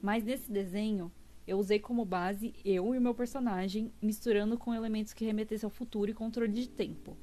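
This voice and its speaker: A young woman with a Brazilian Portuguese accent chats casually on a live stream, reading viewers' texts aloud and gushing over cute drawings. Her voice is medium in pitch, steady, brisk and dark-toned, with faint music in the background.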